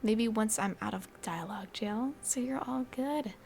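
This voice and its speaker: Young woman streamer, giggly, gravelly voice, slightly high, faint noise. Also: normal speed, a little mellow. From Alabama. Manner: giggly, rambling, often whispering. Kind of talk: casual live-stream chat.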